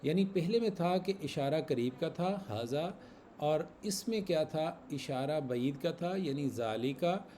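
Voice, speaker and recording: Male teacher going over grammar, kinda high mellow voice, repeats stuff, faint hiss behind. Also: expressive, a little slow. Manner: patient, repeats examples, quizzes students. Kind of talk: online class lesson.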